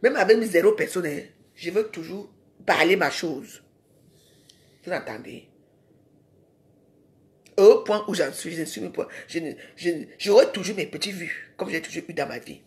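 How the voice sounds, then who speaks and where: A woman's voice: fairly low pitch, moderate pace, pauses often. A woman ranting in a live social media video. She is confrontational and scolding and keeps firing rhetorical questions at her viewers.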